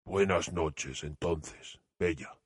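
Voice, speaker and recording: Man doing a humble storybook beast, low, husky, drawn-out lines, sorrowful and gentle. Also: animated, no echo, clean studio sound, exaggerated voice. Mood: sad. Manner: slow, heavy, pleading. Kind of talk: storybook reading.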